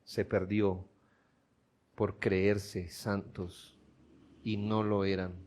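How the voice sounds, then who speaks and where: A man with a Colombian accent preaching a sermon as pastor in a church, asking his listeners rhetorical questions and building to loud, emphatic peaks. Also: on the low side, level tone, very slow. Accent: Colombian Spanish.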